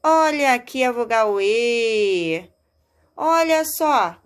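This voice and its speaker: A woman teacher giving a recorded lesson to small children, animated and coaxing, drawing out her key words. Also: fairly high pitch, extremely slow, clean tone.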